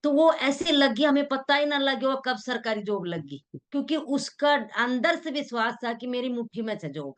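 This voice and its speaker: A middle-aged woman speaks in a fairly high voice, giving a motivational talk. She sounds earnest and homespun, drifting between plain Hindi and local dialect. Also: animated, normal speed, few pauses.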